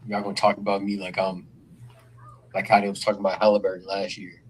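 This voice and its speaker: A man hosting a casual sports podcast, talking in an animated, joking, slangy way. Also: deep voice, fast, slight background noise. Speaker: podcast host.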